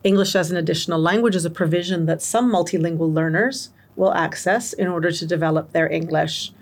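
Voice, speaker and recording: A woman with a fairly low voice talks fairly quickly as a guest expert on multilingual education. Her interview answers on education are long and articulate, and she backs up her points with examples.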